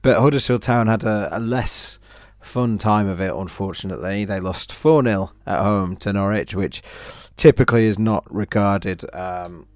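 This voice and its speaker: A man hosting a casual football podcast, slightly hoarse, talking with dry, self-deprecating humour. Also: fairly low pitch, moderate pace, few pauses, a little mellow, no room sound. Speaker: podcast host. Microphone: remote call, own mic.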